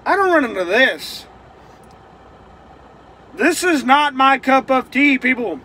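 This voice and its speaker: High, animated trucker swearing. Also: male voice, slow, a little hiss or hum. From Kentucky. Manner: loud, swearing, joking, easily rattled. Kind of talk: profane running commentary.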